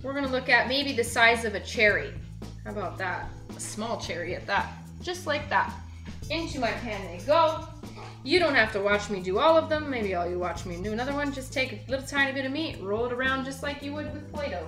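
A young woman with a high voice chats her way through a recipe in her own kitchen, upbeat and direct with the viewer. The room is roomy and echoey, and music plays underneath. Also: lively intonation, a little fast, fairly bright tone. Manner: chatty, upbeat, talks straight to the viewer. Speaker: cooking show host. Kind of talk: casual cooking demonstration. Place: home kitchen, indoors.

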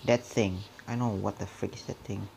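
A gamer with a lowish, gravelly, slightly mellow voice comments on a horror game at a steady, moderate pace. He's jumpy and nervous, often dropping to a whisper and muttering mild curses, with a little hiss or hum in the background.

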